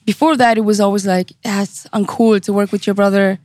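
A woman's voice: medium pitch, fairly even intonation, brisk, darkish tone, no echo, clean studio sound. A woman, a singer talking casually as an interview guest, with many fillers and restarts. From Switzerland. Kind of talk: casual chat.

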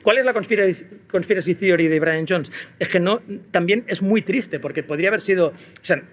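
A man's voice: sits high, fairly quick. A man co-hosting a casual comedy chat, telling stories in a sarcastic, profane, exaggerated way. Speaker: podcast co-host.

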